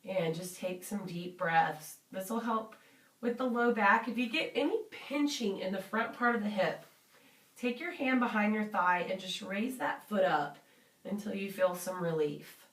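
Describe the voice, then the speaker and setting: A woman's voice: mid-range voice, unhurried. A woman leading a guided workout as a fitness instructor, encouraging and reassuring in an informal way. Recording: roomy, distant microphone.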